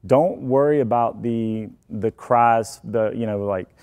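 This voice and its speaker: A man's voice: mid-range voice, slow pace, a little mellow, smooth. A man giving a casual presentation on computer security to an audience, chatty and joking, taking questions. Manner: chatty, self-deprecating, joking asides.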